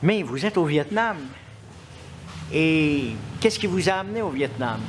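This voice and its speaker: Slow, hesitant male interviewer. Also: fairly high pitch, animated, heavy background noise. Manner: hesitant, many filler pauses. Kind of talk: casual interview.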